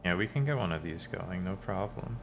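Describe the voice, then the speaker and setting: Man, low voice, unhurried, laid-back gaming commentary, thinking aloud, game music behind. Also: lively intonation, gravelly. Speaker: gamer doing a playthrough. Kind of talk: casual gameplay commentary.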